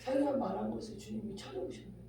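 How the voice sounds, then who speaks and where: A woman preacher giving a fiery sermon. She swings between shouting and hushed asides, firing rhetorical questions at the congregation. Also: medium pitch, rapid-fire, vocal fry. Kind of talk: fiery Korean revival sermon. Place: large echoing prayer-house hall. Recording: very echoey hall, voice far from mic, faint hum.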